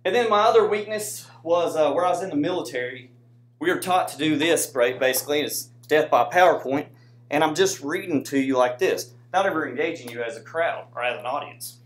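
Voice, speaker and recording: Brisk and on the high side, an American man presents informally with slides to an audience indoors. He's a student presenter and soldier whose conversational style leans on frequent "right?" tags to engage listeners, recorded in an echoey room.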